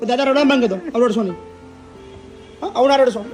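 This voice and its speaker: A man's voice: very high voice, fast talker, a little mellow, soft background music. A man running an old-age home, consoling and questioning elderly arrivals in an on-the-spot interview.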